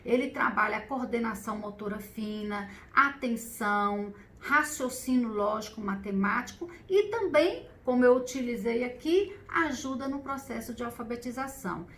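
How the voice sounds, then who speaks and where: A woman with a Brazilian Portuguese accent and a fairly high voice walks parents through a hands-on learning activity. Her delivery is patient and explanatory, with frequent tag questions. When she demonstrates, she counts things out slowly and stretches the words. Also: expressive, a bit bright. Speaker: special education teacher. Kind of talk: instructional video for parents.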